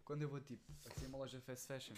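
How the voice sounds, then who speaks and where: A young man with a European Portuguese accent, co-hosting a casual podcast chat with deadpan, absurd jokes. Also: medium pitch, rapid-fire, slight background noise. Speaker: podcast co-host.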